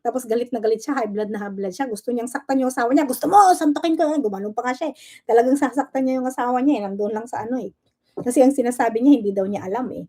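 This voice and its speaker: A woman's voice: on the high side, rapid-fire, mellow. A woman hosting her own livestream, ranting sarcastically at a rival and firing off rhetorical questions, with English words mixed into her talk. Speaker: livestream host. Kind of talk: casual livestream rant.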